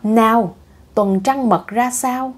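A woman reading the lines of a mother who calmly coaxes her upset daughter. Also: a little high, slow pace, pitched above the performer's own voice. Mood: coaxing. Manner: calming, coaxing.

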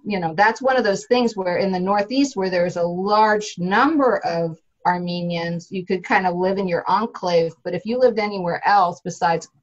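A woman's voice: on the low side, normal speed, few pauses. A woman from Houston, a professor speaking on a video call from a home study, chatty and personal. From Houston, Texas. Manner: chatty, personal, laughs easily. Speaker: professor in conversation. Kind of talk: casual academic conversation on a video call. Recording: dull lo-fi video call audio.

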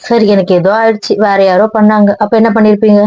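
A woman's voice: mid-range voice, flat delivery, fast talker, dark tone, muffled recording. A woman acting in an audio drama, sounding weary and sulky.

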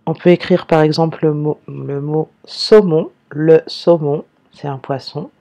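A woman teacher giving a slow dictation lesson, spelling words out syllable by syllable. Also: low voice, steady tone, gravelly, warm tone.

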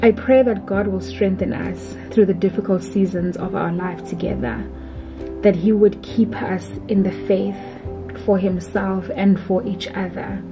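Tender South African woman reading a voice-over. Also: medium pitch. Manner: slow, tender and prayerful. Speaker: vlogger. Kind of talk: heartfelt anniversary letter read as voice-over. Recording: dull voice-over under loud music. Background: music.

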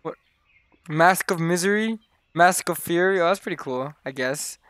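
Excitable young man narrating his game. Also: a little high, normal speed, dry recording. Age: young adult. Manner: excitable, talks to viewers as "guys", exclaims "oh my god" often. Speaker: gaming YouTuber. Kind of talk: casual Let's Play commentary.

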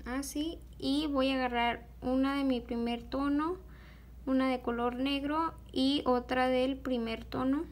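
Slow, patient high-voiced woman teaching crafts. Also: steady tone. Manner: slow, patient, with many fillers like "este". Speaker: beadwork tutorial host. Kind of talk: step-by-step craft tutorial.

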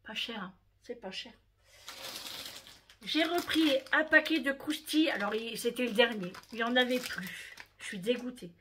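A woman's voice: a little high, normal speed, a bit bright, slight background noise. A woman casually showing her shopping haul to her viewers, chatting to them directly and often tagging "hein" onto her sentences. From France. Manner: chatty, talks straight to viewers, fond of "hein".

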